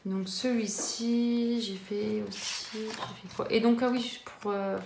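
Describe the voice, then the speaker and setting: A woman in her thirties with a somewhat high, gravelly voice talks slowly and steadily as she casually shows off her coloring book collection. She's a coloring-book vlogger, and her chat is full of fillers and restarts. The room is echoey, with faint background noise.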